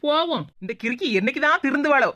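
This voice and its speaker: A woman's voice: high voice, expressive, quick pace, sharp tone, no room sound, voice pushed down. A woman voicing a put-upon young daughter-in-law in a cartoon, grumbling to herself. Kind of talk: cartoon voice acting.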